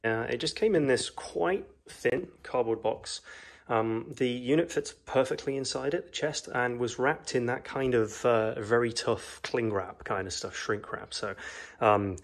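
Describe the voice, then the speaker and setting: Speaking a little slowly in a mid-range voice, a man from New Zealand rambles through a relaxed product review indoors in his home gaming room, often saying um and uh. An off-screen phone camera films and records him.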